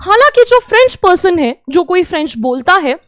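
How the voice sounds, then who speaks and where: A young woman teaching a French lesson to children, explaining in Hindi and reading example phrases slowly and clearly. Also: very high-pitched, big pitch swings, no room sound, clean studio sound. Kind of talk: online class lecture.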